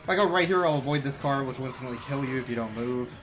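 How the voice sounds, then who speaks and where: Talking fast in a mid-range voice, a young man narrates his own game speedrun in a relaxed way, breaking down tricks and poking fun at himself. Game music runs underneath.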